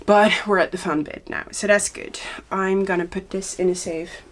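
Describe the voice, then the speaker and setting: Young woman, podcast host, casual chat, unhurried speech, slightly low voice, a bit nervous. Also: a bit bright. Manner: unhurried, thoughtful, with frequent pauses and fillers. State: a little nervous.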